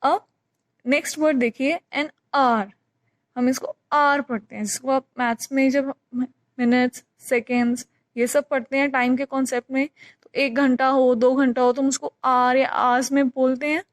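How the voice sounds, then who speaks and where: A woman's voice: high voice, steady tone, moderate pace. A woman teacher patiently explaining a grammar lesson, repeating key points with examples. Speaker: English teacher.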